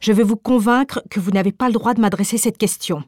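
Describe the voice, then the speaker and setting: A woman reading the part of a proud young wife who answers coldly and calmly. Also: mid-range voice, dry recording, studio quality, close to an everyday voice. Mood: defiant. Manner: cold, measured, dignified. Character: proud defiant young wife, icily calm. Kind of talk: audiobook reading.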